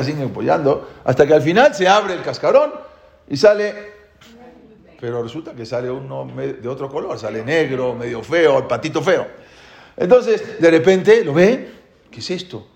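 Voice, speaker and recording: A man telling a parable in an animated way, emphatic and repetitive, often restarting his sentences. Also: mid-range voice, moderate pace, vocal fry. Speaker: guest telling a religious parable. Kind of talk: animated storytelling. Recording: echoey room.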